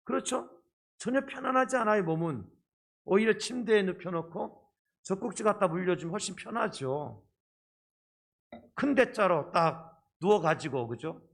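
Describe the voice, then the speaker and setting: Masked male pastor preaching in a higher voice. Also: animated, normal speed, vocal fry, a bit bright. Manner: speaking through a face mask, slightly muffled; explanatory, with frequent rhetorical questions to listeners. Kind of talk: sermon to a congregation. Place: church service.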